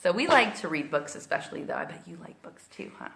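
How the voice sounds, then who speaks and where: A woman's voice: fairly low pitch, huge pitch swings, fast talker, creaky, a bit bright, a little hiss or hum. A woman with an encouraging, sing-song kindergarten-teacher voice, leading young children through a read-aloud and circle-time lesson. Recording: roomy, echoing indoor sound.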